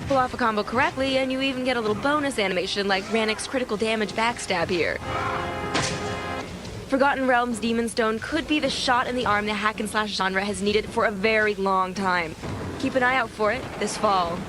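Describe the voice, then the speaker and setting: Woman host, dry wisecracks, scripted review narration, slightly high voice, music bed behind. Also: fairly quick. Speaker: TV show co-host.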